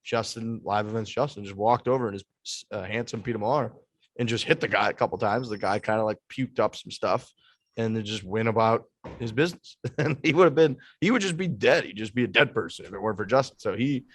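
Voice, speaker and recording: A man's voice: lowish voice, a little fast, no room sound. Teasing male podcast co-host, dry sound. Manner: teasing, joking, hesitant restarts. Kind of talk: casual chat with ad reads.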